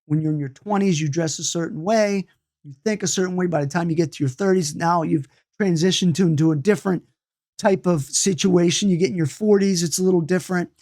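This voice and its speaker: This man's high, darkish voice moves a little fast as he, in his late fifties, leads an informal talk on meditation and energy healing. He keeps restarting, repeating points and slipping in asides along the way.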